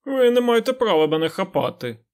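A man voicing a grimy, shifty male beggar who whines and shouts. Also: sits high, big pitch swings, fairly quick, pitched above the performer's own voice. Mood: whining. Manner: whining, then shouting and oily-smooth.

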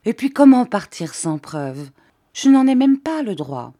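A woman's voice: fairly high pitch, very animated, a little slow, dark tone, pitched above the performer's own voice. A woman voicing a meek, frightened young wife who pleads and sobs in an audiobook reading. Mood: pleading. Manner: pleading, sobbing, helpless.

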